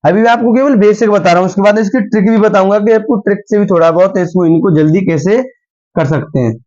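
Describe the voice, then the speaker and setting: A young man's high, darkish voice moves at a quick pace as he teaches math at a board. He is patient, going back over steps and quizzing the class, and the audio is dull and lo-fi.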